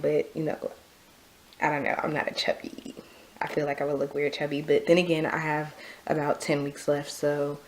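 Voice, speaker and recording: A young woman vlogging a casual pregnancy update, a little out of breath, chatty and quick to laugh. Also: low-pitched. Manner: chatty, repeats herself, laughs often. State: slightly out of breath.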